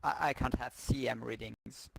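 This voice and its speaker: Very creaky-voiced man, halting technical talk. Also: medium pitch, very noisy. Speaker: flight controller in a simulation.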